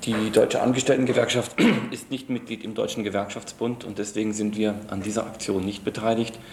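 A trade union regional secretary gives formal, wordy answers in an interview, speaking briskly in a fairly low voice with little pitch movement. The room is echoey, with faint background noise.

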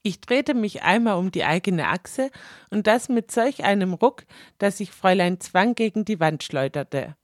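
A woman reading a first-person story aloud in a wry, deliberate way, with asides to her listeners. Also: medium pitch, animated, dry recording, studio quality.

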